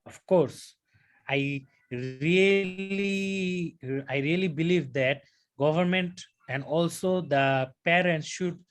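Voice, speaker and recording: In a mock oral exam, a young Bangladeshi candidate responds in a halting, fairly high-pitched voice. Fillers and false starts run throughout his hesitant answers.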